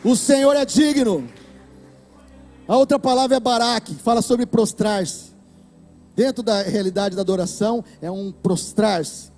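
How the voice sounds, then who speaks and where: Brazilian preacher guy, high voice, gets fired up and shouts, soft music under it. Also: fairly even intonation, normal speed. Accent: Brazilian Portuguese. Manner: impassioned preaching, bursts into shouts. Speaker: pastor. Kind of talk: sermon. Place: church hall.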